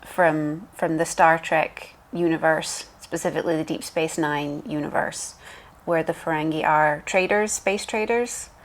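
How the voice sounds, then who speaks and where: Woman, somewhat low voice, podcast co-host, steady explanations, frequent ums. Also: a little slow. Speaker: podcast co-host, professional piercer. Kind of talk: casual chat.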